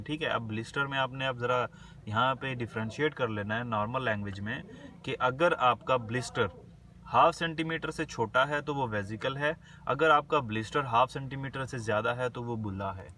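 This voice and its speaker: A man giving a medical lecture. He reads English definitions slowly, then explains them casually in Hindi. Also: medium pitch, bright, forceful tone, far from the mic, a little hiss or hum.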